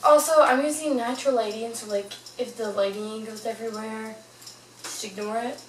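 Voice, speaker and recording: A woman's voice: fairly high pitch, steady tone, normal speed. A young woman telling a personal story in a casual, chatty, informal way, as a vlogger to her viewers. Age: young adult. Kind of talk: casual storytime, paranormal anecdote. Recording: roomy, distant mic, fan noise. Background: whirring fan.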